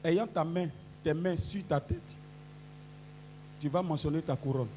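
A man preaching as pastor, leading a congregation in call-and-response prayer, switching between quiet instructions and shouted declarations. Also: fairly high pitch, unhurried, heavy background noise. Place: church service. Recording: loud worship music underneath.

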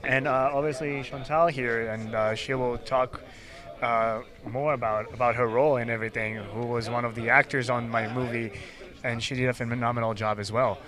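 Male film director, earnest, lots of fillers, middle pitch. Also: steady tone, normal speed, a crowd in the background. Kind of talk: casual interview.

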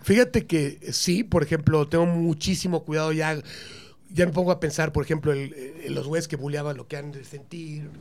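A man's voice: on the high side, steady tone, normal speed, darkish tone. A man with a Mexican accent telling stories in casual chat, slangy and full of swearing. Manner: profane, slangy anecdote-telling with frequent "güey" and "cabrón".

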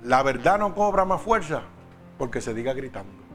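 A man's voice: mid-range voice, big pitch swings, normal speed, fairly bright tone, soft background music. A man preaching a sermon, talking straight to the congregation with emphatic questions.

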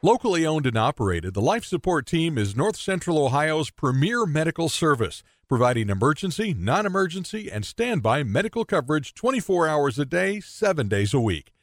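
Lively, dry-sounding American male ad announcer. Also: a little high, no echo. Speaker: advertisement voice-over. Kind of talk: scripted radio ad narration.

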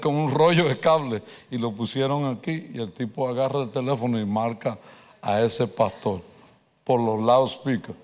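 A man preaching a sermon, telling a personal story with animated delivery and slipping in English words. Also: mid-range voice. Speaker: pastor. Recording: reverberant hall.

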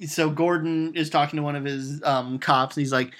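A man chatting casually as he retells a film's plot in an animated way, with lots of um fillers and acted-out lines of dialogue. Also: fairly high pitch, normal speed. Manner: animated storytelling, acting out quotes, frequent "um" fillers. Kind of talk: casual chat retelling a film.

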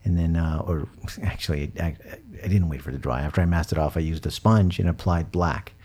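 A man's voice: low-pitched, fairly even intonation, fairly quick, darkish tone. A man hosting a podcast in casual hobby chat, with an easygoing, jokey way of talking. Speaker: podcast host.

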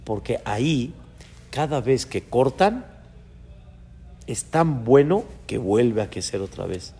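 Creaky-voiced rabbi in a reverberant hall. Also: male voice, mid-range voice, slow. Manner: lively, swings between loud emphasis and soft asides; chants short verses in the original text. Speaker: rabbi teaching a class. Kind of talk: Torah lesson on a biblical text. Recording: reverberant hall with faint background noise.

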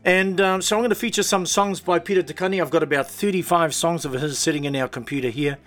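A man's voice: a little high, steady tone. Male New Zealand radio host, middle-aged, emotional and unpolished, faint music bed beneath. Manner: heartfelt, halting, with frequent "um"s. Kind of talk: emotional tribute talk on air. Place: radio studio. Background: soft music playing underneath.

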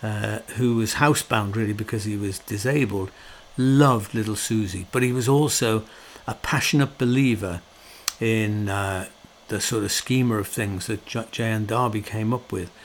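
A man's voice: lowish voice, moderate pace, a little hiss or hum. Reflective middle-aged man, chatty monologue. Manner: conversational, frequent fillers and restarts; wry, sorrowful tone about his subject.

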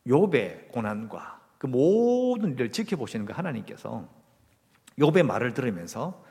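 A man's voice: mid-range voice, sing-song, normal speed, dark tone. A male pastor preaching a Sunday sermon, emphatic and firing rhetorical questions at the congregation. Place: church sanctuary. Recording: long reverb of a church hall.

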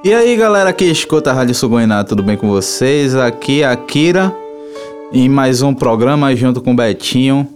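A man with a Brazilian accent hosting a casual talk show, informal and halting, repeating his words. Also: mid-range voice, expressive. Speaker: radio show host. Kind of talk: casual hosted talk about travel places. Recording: music playing behind the voice. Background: instrumental music.

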